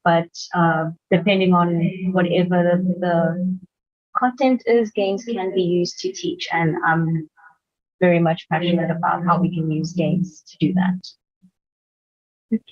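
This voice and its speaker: A woman lecturer in game design, introducing herself on a video call in a hesitant, soft-spoken way. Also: lowish voice, fairly even intonation, slow pace. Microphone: video call with camera off. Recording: dull lo-fi call audio.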